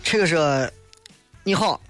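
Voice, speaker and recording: Male radio host, Shaanxi accent, slightly high voice, blunt colloquial late-night chat over music. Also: animated, slow, a bit bright, no echo. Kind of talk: casual late-night radio monologue, reading and answering listener messages.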